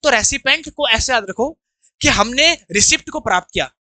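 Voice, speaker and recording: A man's voice: very high-pitched, lively intonation, fairly quick, pushed and bright, dry recording. A man from India teaching English vocabulary in an online lesson, explaining each word and asking students to repeat after him, with an Indian accent.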